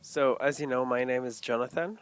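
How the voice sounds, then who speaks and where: A young man in his twenties, introducing himself in an unhurried, plain way. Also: medium pitch, no room sound. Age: 20s. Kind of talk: self-introduction.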